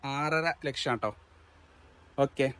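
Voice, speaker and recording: A man's voice: mid-range voice, takes it slowly, fairly bright tone, a little hiss or hum. A man with a Kerala accent hosting a casual used-car video, mixing English words into Malayalam and repeating answers back as questions. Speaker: car showroom video host. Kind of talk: casual vlog interview about used cars.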